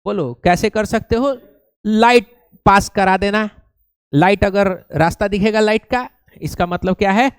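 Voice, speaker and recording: A man's voice: high voice, a little slow, clean tone, no echo. A male science teacher, lecturing and prompting students with repeated questions. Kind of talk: classroom lecture with call-and-response questions.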